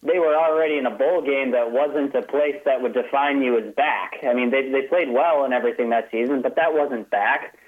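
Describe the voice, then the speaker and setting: A man's voice: mid-range voice, a little fast, hardly any pauses. A man calling in as a sports writer guest, talking casually about college football, often restarting his phrases. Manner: chatty, restarts phrases, light laughs. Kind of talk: casual call-in analysis. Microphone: telephone. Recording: phone line.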